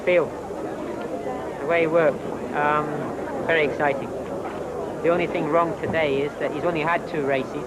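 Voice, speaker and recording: A man answering interview questions in a hesitant, halting way. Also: on the high side, fairly even intonation. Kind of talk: unscripted interview. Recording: noisy outdoor interview.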